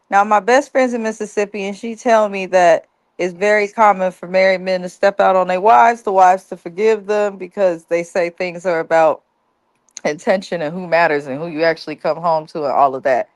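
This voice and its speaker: A woman's voice: mid-range voice, darkish tone, no echo. Blunt, ranting woman co-host. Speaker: co-host of a TV recap show. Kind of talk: casual review chat.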